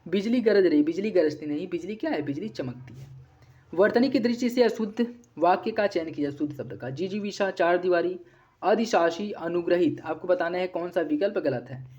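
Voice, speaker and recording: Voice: medium pitch, lively intonation, mellow. Hindi व्याकरण पढ़ाता शिक्षक, धुंधली recording. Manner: quick, drilling corrections in a repeated pattern. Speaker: teacher. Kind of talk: exam-prep grammar lesson. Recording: dull lo-fi recording.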